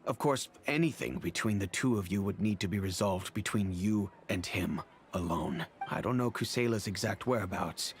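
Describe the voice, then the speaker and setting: An actor playing a polite, remorseful middle-aged father in a video game, speaking in a measured, earnest, formal way. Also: lowish voice, slight background noise, natural voice. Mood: earnest, helpful. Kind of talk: scripted video game dialogue.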